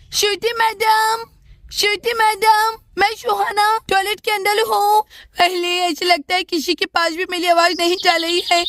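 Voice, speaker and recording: A woman's voice: extremely high pitch, pushed and bright, dry recording, clean studio sound. A woman voicing a frightened little schoolgirl doll in a storybook, talking in an anxious, pleading way and calling out again and again. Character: scared little schoolgirl doll locked in a toilet.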